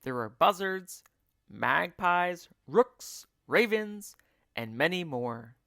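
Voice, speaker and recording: A male teacher narrating a children's book in an expressive read-along style. His delivery is unhurried with lively swings of pitch, and the sound is close and dry. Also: gravelly, dry recording. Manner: expressive, deliberate storytelling. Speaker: teacher reading aloud.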